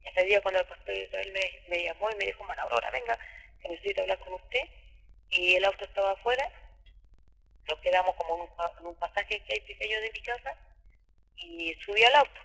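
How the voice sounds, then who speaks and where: A woman tells her story in halting, emotional bursts, repeating words as she goes. Her voice is husky and gravelly with a bright, tense edge. A long reverb trails behind her, as if she were recorded in a hall. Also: medium pitch. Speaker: interviewee recounting abuse. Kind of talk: emotional personal testimony.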